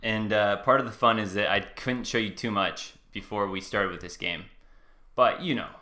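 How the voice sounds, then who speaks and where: Male stream host, bright tone, loose and chatty delivery. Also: lowish voice. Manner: loose, chatty, quick bursts. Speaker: host reacting to a debate video. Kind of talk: casual commentary to a live chat.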